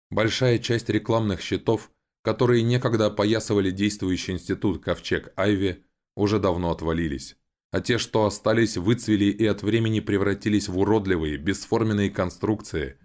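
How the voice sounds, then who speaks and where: A man reads a story aloud in a very deep, low voice. His pace is measured and even, in the steady manner of an audiobook narrator.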